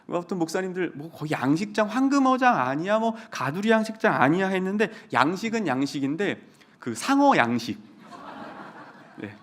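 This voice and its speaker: A male pastor giving a humorous sermon, telling stories and acting out his students' voices. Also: on the high side. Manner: animated storytelling, acts out students in quoted voices.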